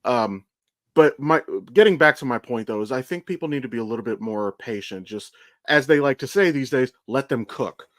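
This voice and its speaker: At a moderate pace and medium pitch, this male podcast co-host chats casually about pop culture, laying out his views as a fan with the occasional curse. The sound is clean studio audio without any room tone.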